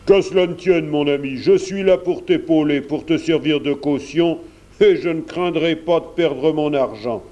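A man reading aloud and voicing a kind, reassuring gentleman painter who helps the young men. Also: on the high side, normal speed, lightly acted. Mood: kindly. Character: kindly older gentleman painter, warm benefactor.

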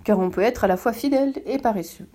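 A woman's voice: fairly high pitch, quick pace, dark tone, lightly acted. A woman reading aloud and voicing a tired, dutiful male lamplighter who complains about his endless work. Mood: resigned.

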